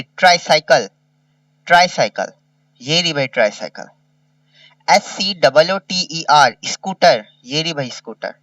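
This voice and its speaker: Slow man spelling words for young kids. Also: on the high side, bright, forceful tone, dry recording, recorded from a distance. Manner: slow, spells words letter by letter and repeats them. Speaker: teacher. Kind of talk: kindergarten revision lesson.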